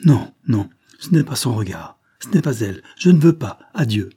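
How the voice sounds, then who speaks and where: A man's voice: medium pitch, sing-song, normal speed, warm tone, breathy edge. A man reading aloud as a young man who speaks curtly and in agitation. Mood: curt agitated. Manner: curt, agitated. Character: distraught, curt young man.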